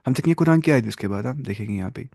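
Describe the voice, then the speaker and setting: A man's voice: medium pitch, animated, gravelly, a little mellow, no room sound, studio quality. A man teaching a religious lesson, asking his listeners questions and repeating key terms as he explains them. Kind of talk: classroom lesson on hadith.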